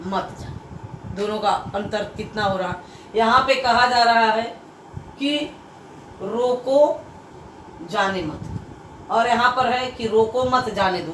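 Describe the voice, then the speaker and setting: Woman teacher repeating each point slowly. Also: fairly high pitch, echoey room, recorded from a distance, slight background noise, low-quality recording. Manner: explains slowly, repeating each point and stressing key words. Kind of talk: classroom grammar lesson.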